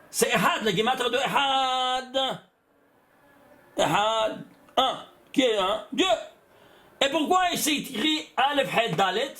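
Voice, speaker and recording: Animated older rabbi, high lively voice. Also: male voice. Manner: animated, asks the class questions and answers them himself; repeats words and restarts phrases. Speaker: rabbi teaching Torah. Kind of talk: Torah lesson with gematria.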